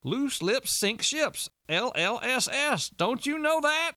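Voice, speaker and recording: A man voicing Walter, a loud, blustering older man who bellows about keeping secrets. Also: very high voice, very animated, slow pace, no room sound, studio quality, voice pushed up, exaggerated voice. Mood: alarmed. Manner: bellowing, emphatic.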